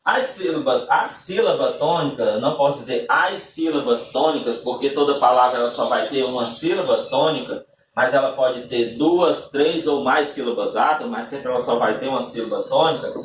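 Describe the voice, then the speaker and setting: Recorded from a distance in an echoey room with slight background noise, a man with a mid-range voice gives a classroom-style lesson at a moderate pace. His explanations are patient and step by step, and he checks in with listeners frequently through tag questions, speaking off-mic.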